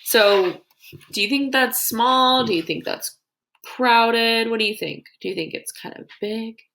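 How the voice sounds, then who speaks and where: Reading to young kids, this creaky-voiced woman teacher keeps things instructive, slipping in her own remarks and questions. Her voice is fairly high, slightly slow, and pushed and bright.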